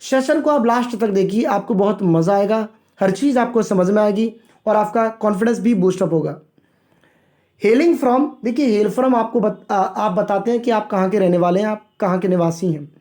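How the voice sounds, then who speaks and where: Man, English teacher, newspaper vocabulary lesson, high pitch, relaxed warm tone, repetitive explanations. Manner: reads English phrases slowly, then explains each in Hindi; repetitive, addresses viewers as friends.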